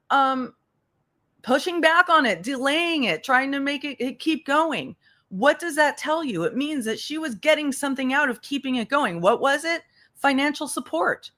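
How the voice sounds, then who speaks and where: A woman with a high, slightly bright voice hosts a livestream as a legal commentator. Her commentary is casual and unscripted, blunt and profane, and she sounds exasperated, repeating points for emphasis as she goes.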